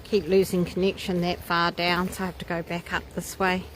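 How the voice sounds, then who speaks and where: A woman's voice: fairly low pitch, level tone, a little fast. A woman giving casual, musing live commentary on a nature walk, with exclamations of wonder. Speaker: vlogger leading a nature walk. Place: outdoors on a wooded walking trail. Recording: outdoor ambient noise, birdsong. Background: nature ambience with birds.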